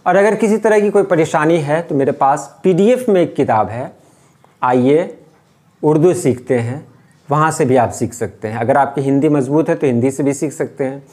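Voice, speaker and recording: A man teaching how to write letters, explaining patiently and repeating each point slowly. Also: fairly high pitch, darkish tone. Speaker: Urdu script teacher. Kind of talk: step-by-step writing lesson.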